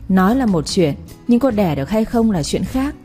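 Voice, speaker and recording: A woman's voice: medium pitch, big pitch swings, moderate pace, warm tone, faint music behind, lightly acted. A woman voicing a spiteful young female servant who sneers and wails. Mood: mocking. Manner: sneering, wailing.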